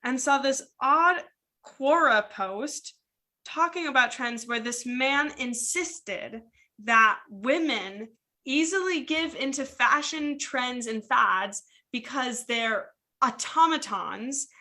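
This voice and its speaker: A woman hosts a casual podcast in a bright, crisp voice pitched a bit high. She talks chattily and leads into each segment from prepared notes. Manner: chatty, scripted segment intros. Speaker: podcast host.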